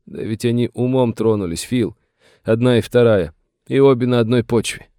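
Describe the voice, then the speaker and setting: A man's voice: medium pitch, moderate pace, dark tone, clean tone, dry recording, studio quality, voice pushed up, lightly acted. A man voicing a frightened aging rancher who pleads in a plaintive, agitated way. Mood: fearful, plaintive. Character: frightened aging male rancher, tearful and whining.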